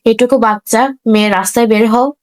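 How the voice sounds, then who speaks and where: A woman's voice: on the high side, fairly even intonation, brisk, close to an everyday voice. A woman voicing a brooding, possessive young man who speaks in a curt, teasing way. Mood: brusque.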